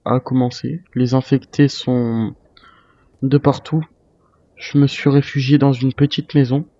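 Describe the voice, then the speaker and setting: Playing a survival game, a gamer improvises an in-character monologue as a weary retired soldier, hesitantly musing to himself. His voice is medium-pitched and warm, picked up by a dull, roomy microphone.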